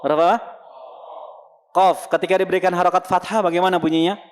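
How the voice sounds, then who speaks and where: A man's voice: sits high, steady tone, very fast. A man teaching a congregation how Arabic letters are pronounced, asking questions and answering them himself, then sounding the letters out. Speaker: Quran recitation teacher. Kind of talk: lesson to a congregation.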